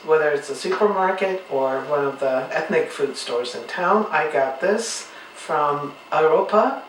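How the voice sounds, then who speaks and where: Woman home cook, patient demo voice, distant mic in an echoey room. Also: deep voice. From Turkey. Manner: patient, explanatory, homely. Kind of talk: cooking demonstration. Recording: roomy, distant mic, faint noise.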